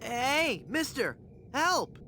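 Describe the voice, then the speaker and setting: A man's voice: very high voice, sing-song, drawn-out words, pushed and bright, soft background music, heavily acted. A man playing a hapless, earnest adventurer in a comic adventure game, pleading and bluffing theatrically as a would-be ghost.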